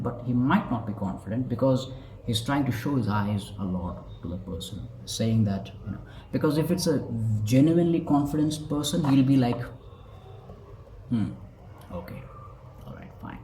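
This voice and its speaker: A man's voice: medium pitch, warm tone. Guy explaining body language, casual and a bit rambly, echoey room, faint hum behind. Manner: casual, rambling with fillers and acted examples. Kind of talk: explanatory talk to camera.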